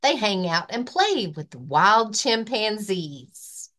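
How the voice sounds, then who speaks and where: A librarian reads a children's picture book aloud, story-time style, her voice in a woman's middle register. Her pitch swings lively through the rhymes as she takes the verse at an unhurried, rhythmic pace, reading expressively.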